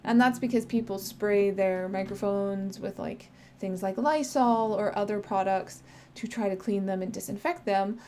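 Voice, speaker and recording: A woman filmmaker talking in a casual podcast monologue. Her voice is strained and she sucks a cough candy as she talks, chatty, with fillers and pauses. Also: medium pitch, a little mellow, slight background noise. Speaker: filmmaker sharing her experience.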